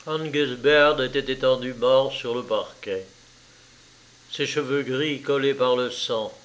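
A man narrating a novel as an audiobook, steady and measured. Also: mid-range voice. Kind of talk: scripted narration.

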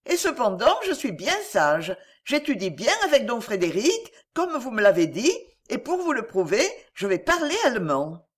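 A woman puts on an eager little boy, high and bright, his lilting voice full of affection. Keep it light and sweet, the way a child speaks in a storybook. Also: sing-song, normal speed, few pauses.

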